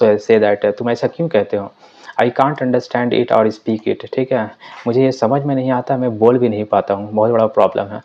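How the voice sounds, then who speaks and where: A man teaching a spoken language lesson. He reads each example sentence slowly and then explains it patiently, again and again. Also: mid-range voice, dark tone, highs cut off. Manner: patient, repetitive explaining with frequent "theek hai". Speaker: English teacher.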